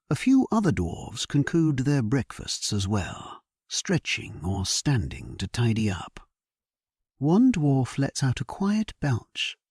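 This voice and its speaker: A man narrating a bedtime sleep story in a gentle, hushed, soothing way. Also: low-pitched, husky, dry recording, studio quality.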